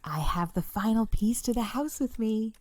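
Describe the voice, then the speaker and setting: Eager bouncy girl, read by a woman narrator in a mellow, fairly low voice, dry sound. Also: normal speed, dry recording. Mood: excited. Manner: excited whisper.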